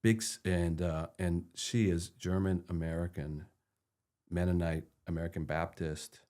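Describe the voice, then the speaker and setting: Speaking a little slowly in a low, darkish voice with little pitch movement, a middle-aged Peruvian man co-hosts a podcast conversation. He is earnest, asks probing questions, and often repeats a word when beginning.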